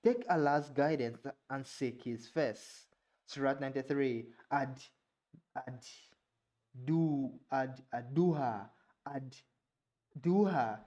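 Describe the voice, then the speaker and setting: This young Ugandan vlogger, whose first language is Luganda, speaks English with a Ugandan accent in a medium, slightly mellow voice. He reads aloud haltingly, sounding out unfamiliar words and tossing in casual asides.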